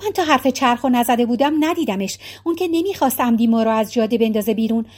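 A woman's voice: on the high side, animated. A woman reading the part of an impulsive, talkative wife who urges and pleads, raising her voice for her in an audiobook. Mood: fretful. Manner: urgent, pleading, rapid.

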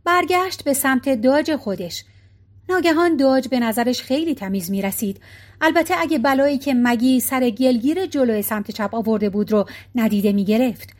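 A woman reading a novel aloud as audiobook narrator, in a calm, even storytelling manner. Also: high-pitched.

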